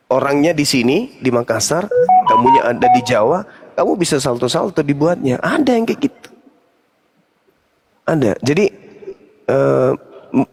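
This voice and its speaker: An older man, hosting a casual chat and giving fatherly, lecturing advice with animated stories. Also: medium pitch. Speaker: host.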